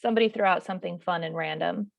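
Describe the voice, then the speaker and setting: A woman's voice: on the low side, very fast, creaky, no room sound. A woman in her thirties from New Mexico, a volleyball coach leading a class over a video call, talking casually with many fillers. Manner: relaxed and chatty, with many fillers. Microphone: video call mic. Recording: dull, lo-fi call audio.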